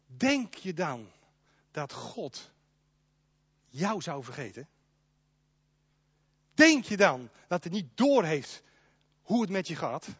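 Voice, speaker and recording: A male pastor delivers a sermon, animated and emphatic, talking straight to the people in the pews. His voice sits high and moves widely in pitch. The recording is dry and slightly lo-fi. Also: slow, long pauses, husky, no echo. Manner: animated, emphatic, addresses the congregation directly.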